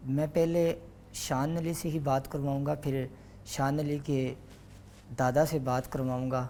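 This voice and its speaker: A man's voice: mid-range voice, level tone, mellow. Young guy chatting easy on a tv show, mid voice, faint hum. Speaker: guest mimic. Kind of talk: casual interview chat.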